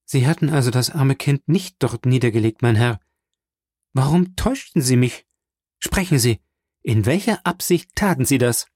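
A man reading a frightened, grieving noblewoman in an audiobook, pleading and rising in pitch. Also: expressive, normal speed, darkish tone, no echo, clean studio sound, natural voice. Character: anguished middle-aged noblewoman, frightened and grieving.

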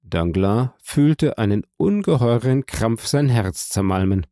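A man narrating an audiobook in a measured, dramatic reading style. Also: medium pitch, lively intonation, dark tone, dry recording, clean studio sound. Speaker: audiobook reader.

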